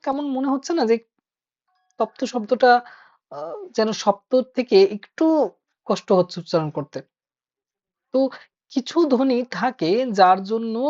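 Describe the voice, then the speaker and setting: A woman teacher leads an online class, patiently working through each point and putting questions to her students. Her voice sits at a middling pitch. The audio is dull and lo-fi, as on a video call. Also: a little mellow. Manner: patient, explains step by step, asks students questions. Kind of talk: online Bengali grammar class.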